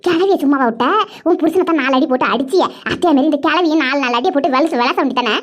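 Gossipy greedy village woman , woman voicing, very high and rapid. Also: lightly acted. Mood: scolding. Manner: chattering, scolding gossip.

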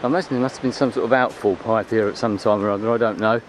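A vlogger with a lowish, fairly evenly pitched voice talks in rapid-fire bursts as he strolls an open beach at low tide, giving chatty, rambling, unscripted commentary. He records outdoors on a handheld camera's built-in microphone, and wind and water noise come through clearly.

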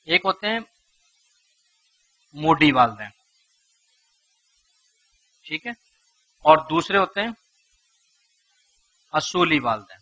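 High, very bright male lecturer. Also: big pitch swings, long pauses. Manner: rhetorical, asks the audience questions, acts out parents' lines. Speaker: motivational speaker. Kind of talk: lecture to a live audience.

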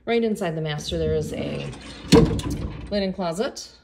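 A woman's voice: low-pitched, animated, normal speed, vocal fry. A woman realtor chatting casually as she walks through an empty condo, upbeat and full of fillers, filmed on a handheld phone. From Florida. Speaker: realtor giving a home tour. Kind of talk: casual walkthrough narration. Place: empty condo, indoors, walking room to room. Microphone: phone camera held while walking. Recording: echoey empty rooms with background noise.

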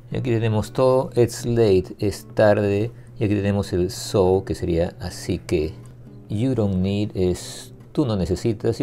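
A man teaching English grammar to learners, explaining patiently step by step and repeating example phrases slowly. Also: sits low, creaky. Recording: soft guitar music behind.

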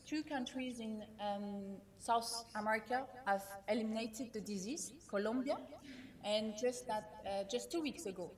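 A woman whose first language is not English, giving a conference keynote in a measured way, with frequent fillers and restarts. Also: fairly high pitch. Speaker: keynote speaker.

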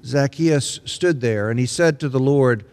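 An older man, an interim pastor, preaching a sermon from the pulpit in a large church sanctuary, measured and earnest with emphatic rises. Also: medium pitch, darkish tone. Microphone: pulpit microphone. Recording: long reverb of a large sanctuary.

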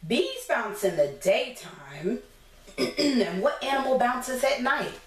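In a sing-song, slightly high voice, a thirtysomething American preschool teacher reads a picture book to young children at a slow pace, cheering them on and asking easy questions. The recording is distant and echoey, with clear background noise, made in a small room before a plain decorated wall.

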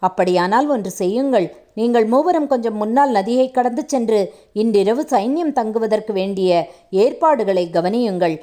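A woman's voice: on the high side, moderate pace, warm tone, natural voice. A woman reading as a proud, stern king. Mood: commanding. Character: stern proud male king, weary and wounded.

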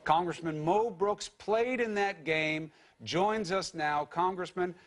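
A man anchoring a morning news show, with measured, earnest delivery. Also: high voice.

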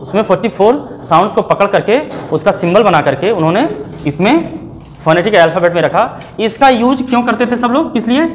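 A man teaching a classroom lecture, breaking words down letter by letter in a slow, deliberate way. He keeps turning to his students with rhetorical questions and pushes them to answer. His delivery is that of a teacher talking to a room of learners. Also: sits high, expressive, a little hiss or hum. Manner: spells words out slowly, sound by sound. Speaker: English teacher.

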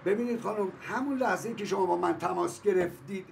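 A man's voice: high voice, gravelly. An actor playing a polite, placating man in a TV drama. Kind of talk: TV drama acting. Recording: distant, noisy background.

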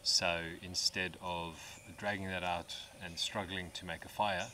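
A relaxed Australian man in his thirties with a very low voice, chatting casually through a camping vlog. He talks at an easy pace with plenty of fillers. Insects and crickets buzz clearly in the bush around him. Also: measured pace. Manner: relaxed, easygoing, with frequent fillers. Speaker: camping vlogger. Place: outdoor bush campsite. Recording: outdoor recording with insect noise.

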